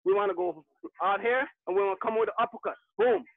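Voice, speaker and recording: High-voiced male boxing coach calling combos. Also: fast talker, no echo. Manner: informal, encouraging. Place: online group video class. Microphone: video call. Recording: tinny phone-like video-call audio.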